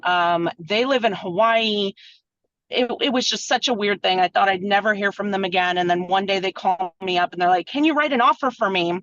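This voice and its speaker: A woman's voice: medium pitch, a little fast, no room sound. A woman real estate agent eagerly telling the story of a deal over a video call. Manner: chatty, excited storytelling. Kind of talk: casual recounting on a video call. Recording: dull lo-fi call audio.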